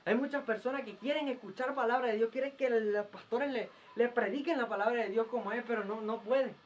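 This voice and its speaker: A man's voice: very high-pitched, fairly quick. A man preaching a fiery, scolding sermon, firing off rhetorical questions and repeating himself. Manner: repeats phrases and stumbles into restarts. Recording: muffled lo-fi recording.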